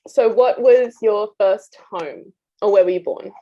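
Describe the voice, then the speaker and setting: A young woman hosting an interview, upbeat and quick with "amazing" and "fantastic" between questions. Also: mid-range voice, mellow. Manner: enthusiastic, repeats "amazing" and "fantastic". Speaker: interview host. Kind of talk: casual interview. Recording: dull lo-fi sound.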